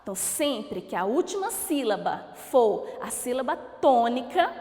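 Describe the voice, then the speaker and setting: Woman teacher, high voice, very lively pitch, drawn-out sing-song example words, roomy echo with long reverb. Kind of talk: recorded school lesson. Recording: echoey room with long reverb.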